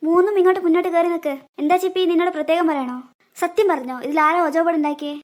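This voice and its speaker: A woman doing cartoon dialogue with a scolding, expressive manner. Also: extremely high pitch, very fast. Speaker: cartoon voice actor, narrating several characters.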